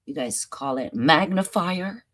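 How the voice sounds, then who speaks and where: A woman's voice sits low but carries a fairly bright tone, expressive and unhurried. With a French accent, she hosts a casual commentary show, chatting playfully about news clips while laughing and musing aloud.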